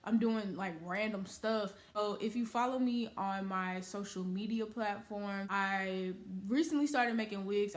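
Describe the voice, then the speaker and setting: A woman in her early twenties talking casually to her viewers in a vlog, saying "like" often. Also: medium pitch. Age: early 20s. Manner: chatty, uses "y'all" and "like" often. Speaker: YouTuber.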